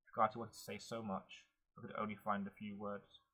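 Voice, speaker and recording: A man reading a fantasy novel aloud in a steady, earnest manner. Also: on the low side, brisk, husky, poor audio. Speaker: audiobook narrator. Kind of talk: audiobook narration.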